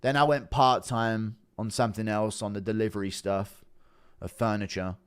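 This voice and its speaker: A man's voice: lowish voice, steady tone, normal speed, clear, resonant tone. A man hosting a casual livestream, chatting to viewers with sweary, blunt banter and often breaking into giggling laughter. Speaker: livestream host.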